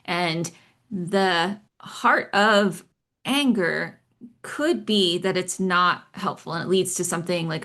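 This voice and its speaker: A woman, a psychologist co-hosting a podcast, explaining calmly and at a measured pace with everyday examples. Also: fairly low pitch.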